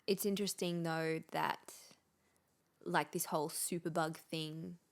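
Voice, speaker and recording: Woman cohost, lowish voice, keeps asking stuff and going yeah okay. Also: steady tone. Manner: asks questions, quick agreeing interjections. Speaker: podcast co-host. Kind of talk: casual chat.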